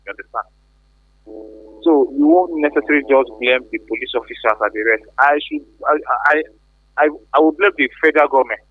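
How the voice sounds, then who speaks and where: A Nigerian man heard over a thin, tinny phone line, talking earnestly and circling back to repeat his points. His voice comes through husky and completely dry. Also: mid-range voice, brisk, dry recording. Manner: earnest, repeats himself while building a point. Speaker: radio caller. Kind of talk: call-in opinion.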